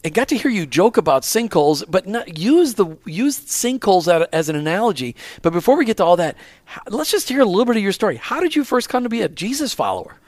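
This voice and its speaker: A man with a fairly high voice hosts an interview show. He is chatty and enthusiastic as he addresses listeners and guests. The sound is close and dry. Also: big pitch swings, fast, darkish tone, no room sound. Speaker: show host. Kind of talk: on-location radio interview.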